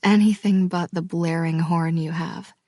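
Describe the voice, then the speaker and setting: A woman voicing a young heroine in a romance audiobook, speaking her lines softly, close to a whisper. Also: on the low side, steady tone, a little slow, no room sound.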